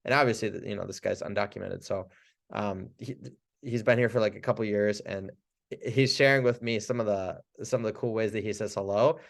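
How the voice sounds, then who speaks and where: A man who works as a chiropractor, teaching Spanish phrases to use with patients in a casual, chatty way. He laughs often and acts out the phrases in a lively voice. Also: lowish voice, brisk, gravelly. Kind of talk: casual instructional talk.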